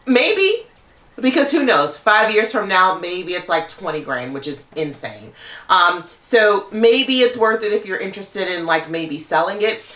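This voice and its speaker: A woman's voice: mid-range voice, lively intonation, measured pace, fairly bright tone, echoey room. A woman talking casually to camera as a luxury handbag YouTuber, chatty and full of "like" fillers.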